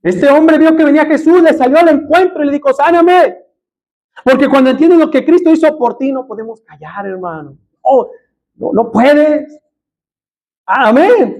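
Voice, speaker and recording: A man's voice: very high voice, normal speed, darkish tone, low-quality recording. A man with a Mexican Spanish accent preaching a sermon in church, emphatic, often calling out to the congregation as brother.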